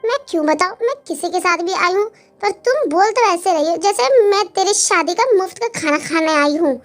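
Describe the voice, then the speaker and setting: Woman doing a sassy young wife, very high voice, boastful, fan dub. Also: a little fast. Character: young wife, proud and sharp-tongued. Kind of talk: Hindi fan dub acting.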